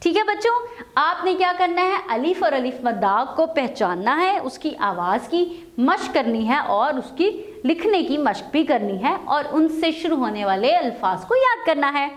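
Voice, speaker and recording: High, lively woman teaching young children. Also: moderate pace. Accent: Urdu-speaking Pakistani. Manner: patient, addresses children directly with questions. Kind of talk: children's alphabet lesson.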